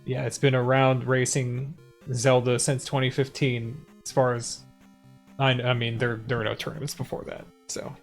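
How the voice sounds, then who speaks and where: A man's voice: medium pitch, level tone, moderate pace, soft background music. A man hosting a live race restream, chatting casually and laughing easily. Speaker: restream host. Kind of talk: casual race commentary chat.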